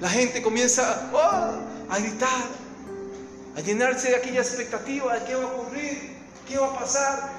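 Man, Latin American Spanish accent, sermon, dramatic storyteller, very high pitch, roomy echo. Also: fairly even intonation, normal speed, over music. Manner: storytelling, dramatic swings from hushed to shouting. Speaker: preacher.

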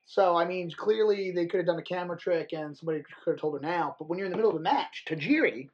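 Man, slightly high voice, husky, casual opinionated commentary, joking, lo-fi muffled sound. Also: fast talker, darkish tone. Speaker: wrestling podcast co-host. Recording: dull, lo-fi audio.

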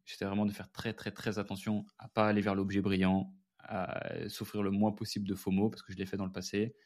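A man's voice: on the low side, little pitch movement, a little fast, a little mellow. A French man hosting a casual solo podcast, talking candidly and chatting straight to his listeners as friends. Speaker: podcast host and founder.

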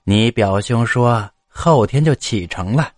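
A man voicing a doting, worried widowed mother near seventy who talks slowly and coaxingly in a told story. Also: medium pitch, expressive, no echo, studio quality. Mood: eager. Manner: slow, pleading, coaxing.

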